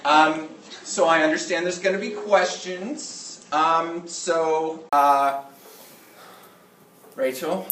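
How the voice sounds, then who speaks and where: A man's voice: on the high side, fairly even intonation, a bit bright. Give the voice of a male schoolteacher talking informally to his class in stops and starts. He sounds distant from the mic in an echoey room, and he keeps checking that everyone follows. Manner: halting, repeats okay to check attention. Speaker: middle school teacher. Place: indoor classroom with students. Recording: roomy classroom, distant mic, faint noise.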